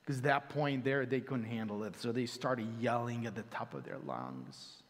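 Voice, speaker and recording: A male pastor preaching a sermon, animated and acting out quotes with sudden loud exclamations, recorded in a church sanctuary. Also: medium pitch, normal speed. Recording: church hall reverb.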